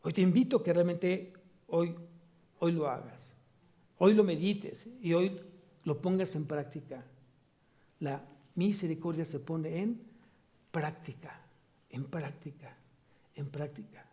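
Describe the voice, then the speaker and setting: A man's voice: fairly high pitch, a little slow, long pauses, dark tone. A man with a Mexican Spanish accent preaching a sermon as pastor, asking the congregation rhetorical questions and rising to emphatic peaks.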